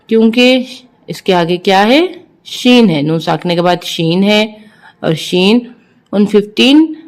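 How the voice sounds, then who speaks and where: A woman teaching Quran reading, slowly spelling out Arabic syllables and then quickly explaining the rules. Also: fairly low pitch. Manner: slow deliberate recitation alternating with quick, quieter explanations.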